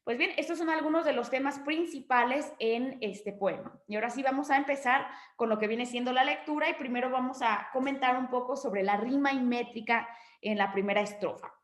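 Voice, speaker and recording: A woman walks through a poem as a literature teacher, patient and methodical, with frequent fillers and checking questions. Her voice sits a little high for a woman. The room around her rings with a noticeable echo. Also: fairly quick. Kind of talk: explanatory lesson on a poem. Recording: echoey room.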